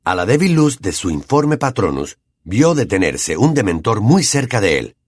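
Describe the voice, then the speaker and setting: Husky, lively male audiobook narrator. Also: fairly low pitch, moderate pace, dry recording. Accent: Latin American Spanish. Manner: expressive, dramatic storytelling.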